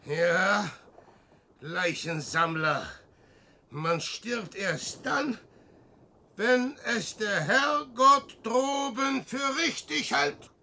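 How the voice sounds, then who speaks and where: An actor playing an old, boastful, mocking wanderer in a radio drama, declaiming in a gravelly voice that swings between shouts and murmurs. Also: male voice, sits high, expressive, very slow, exaggerated voice. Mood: scornful. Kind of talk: theatrical radio drama acting.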